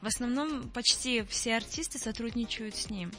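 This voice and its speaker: A woman's voice: fairly high pitch, normal speed, pushed and bright. A young woman singer, a guest on a radio show, answering questions in a friendly way and laughing easily. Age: young adult. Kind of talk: radio interview.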